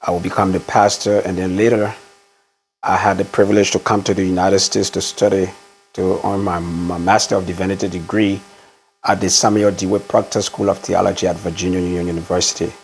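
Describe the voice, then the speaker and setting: A middle-aged man with a Liberian accent, a pastor telling his life story in an interview with steady pauses. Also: low voice, soft background music, low-quality recording. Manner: measured storytelling, frequent "uh" pauses. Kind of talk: conversational interview.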